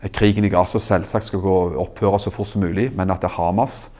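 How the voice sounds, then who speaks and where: A man preaching a sermon in an animated, emphatic way, asking the audience questions. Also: deep voice. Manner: animated, rising emphatic exclamations.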